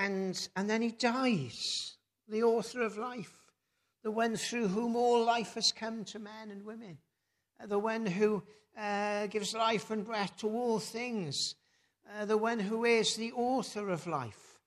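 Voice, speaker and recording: A man's voice: sits high, slow. A man preaching a reflective sermon before a communion service, with many rhetorical tag questions and thoughtful hesitations.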